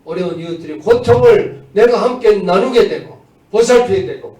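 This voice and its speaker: A pastor with a warm, expressive voice that sits high speaks at normal speed during a Sunday church service indoors. Exhorting those listening, he moves from emphatic proclamation to conversational asides, heard through a distant mic in an echoey room.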